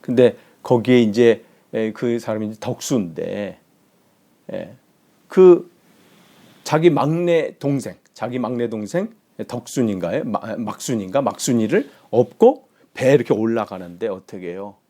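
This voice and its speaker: A pastor preaches in a gravelly, creaky voice. His pitch swings widely as he tells a story, rising high for emphasis and falling to a hushed whisper. He is a man delivering a sermon. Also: unhurried. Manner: animated storytelling, dropping to whispers for quoted lines.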